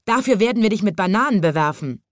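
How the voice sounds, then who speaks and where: A woman's voice: mid-range voice, big pitch swings, moderate pace, no echo, studio quality, pitched above the performer's own voice, close to an everyday voice. A woman voicing a stern old male baboon in a storybook reading, speaking with indignant force.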